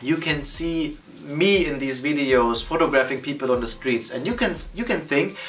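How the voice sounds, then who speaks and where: A man in his thirties talking casually to the camera as a photography vlogger, animated and gesturing with both hands. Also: a little high, moderate pace, recorded from a distance, soft background music. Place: indoor studio against a plain backdrop.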